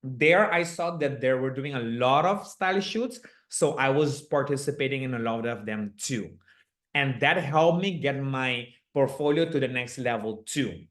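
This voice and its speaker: Hosting a live online coaching session over a video call, this Aruban man speaks in a mid-range, fairly bright voice at a measured pace. Papiamento is his first language, and his slight Aruban accent comes through as he keeps things upbeat and chatty, laughing often.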